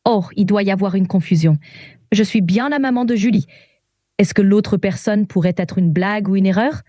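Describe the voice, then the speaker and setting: A synthetic female AI assistant voice that stays calm and polite. The tone is mellow and a little dark, and the sound is dry and close to the mic. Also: mid-range voice, moderate pace, no room sound. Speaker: virtual assistant. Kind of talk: AI role-play.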